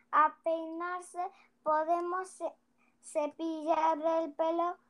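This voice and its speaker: A child slowly reading a picture book aloud, with small hesitations and restarts. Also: female voice, sits high, fairly bright tone. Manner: slow, careful reading with little hesitations. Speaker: young storyteller.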